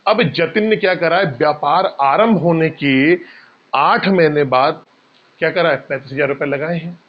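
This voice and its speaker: A man's voice: a little high, moderate pace, dull audio. A male maths teacher explaining exam problems step by step, asking questions and answering them himself. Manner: addresses students as bhaiya. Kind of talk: exam-prep maths lesson.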